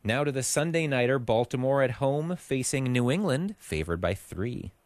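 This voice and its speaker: A man's voice: mid-range voice, lively intonation, normal speed, dry recording. A man co-hosting a casual sports podcast, calling picks in a confident, matter-of-fact way. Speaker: podcast co-host.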